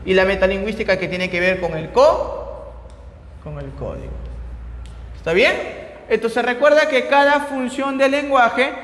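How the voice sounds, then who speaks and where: A man with a high voice and a Peruvian Spanish accent gives a lecture to his students. He leans on key words slowly, then lets his voice drop away, and keeps asking "¿ya?" to check they follow. The room is echoey, with a long reverb tail. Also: slight background noise. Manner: explains with repeated checks like ¿ya? and ¿no?; stresses key terms slowly, then trails off quieter. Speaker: teacher.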